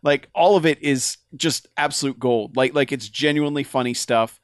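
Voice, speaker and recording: Young man, mid-pitched, lively storyteller in casual chat, dry close mic. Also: normal speed, no echo. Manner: animated retelling, acting out quoted lines. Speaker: podcast co-host. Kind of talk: casual chat about a video game.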